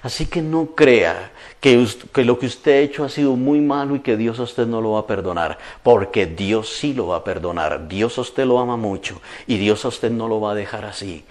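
A man's voice: lowish voice, normal speed, few pauses, a little mellow. A male pastor preaching a sermon, asking his listeners questions and acting out the voices he quotes.

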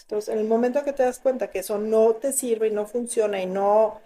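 A middle-aged woman with a Mexican accent, telling lively stories about motherhood in a casual group chat and acting out what she once said. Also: a little high, a little fast. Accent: Mexican Spanish. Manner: animated storyteller, acting out her own past lines.

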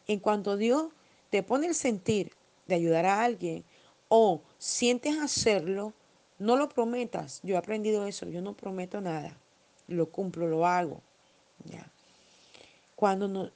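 A woman's voice: mid-range voice, creaky, warm tone. A middle-aged woman preaching a sermon, emphatic and fervent, quoting scripture as she goes.

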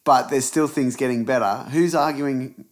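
A man in casual conversation, relaxed, swearing and asking questions back. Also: mid-range voice, moderate pace. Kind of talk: casual chat.

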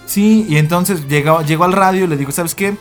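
A young man with a Mexican accent tells a story in a relaxed podcast chat. His voice sits a little high and he laces it with slang and jokes. Soft music plays underneath. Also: fairly quick. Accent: Mexican Spanish. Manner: joking storyteller, heavy slang. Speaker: podcast co-host. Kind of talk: casual chat.

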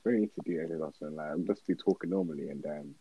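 A man's voice: extremely low pitch, racing, muffled recording, crowd noise. A seventeen-year-old young man with a London roadman accent, chatting casually and slangily as a podcast co-host. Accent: London, urban roadman slang style. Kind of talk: casual banter among friends.

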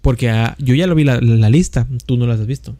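Slangy northern Mexican man chatting, mellow and dry. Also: mid-range voice, fairly quick, no echo. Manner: slangy, rambling, repeats himself. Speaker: podcast co-host. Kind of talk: casual chat.

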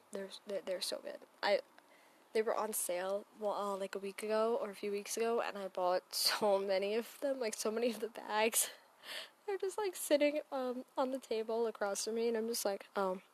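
Young woman, solo podcast host, rambling casual chat, faint background hiss. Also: mid-range voice. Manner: rambling, filler-heavy, self-deprecating. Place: home, sprinklers outside.

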